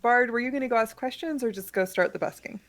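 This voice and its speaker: A woman running a tabletop game as game master, laughing often and talking in a relaxed way. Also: fairly high pitch, fast talker.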